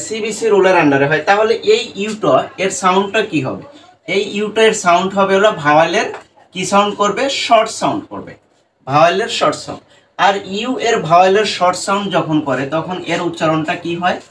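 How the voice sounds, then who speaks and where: A man's voice: high-pitched, expressive, fairly quick, fairly bright tone. A man teaching English pronunciation to students in a lesson, who keeps asking questions and answering them himself. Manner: asks questions and answers them himself, repeats "right?" and "dekho". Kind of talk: classroom-style lesson addressing students. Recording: faint background noise, a bit distant from the mic.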